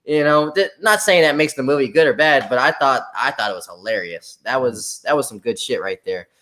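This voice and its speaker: Animated, lively man hosting a live chat. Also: medium pitch, brisk. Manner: animated, laughs often, does goofy voices. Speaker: host. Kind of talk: casual live-stream chat.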